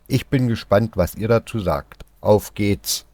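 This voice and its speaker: A man's voice: lowish voice, a little slow, a little mellow, no room sound. A man hosting a video channel, speaking to viewers in an indignant, sensational tone. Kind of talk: YouTube reaction intro.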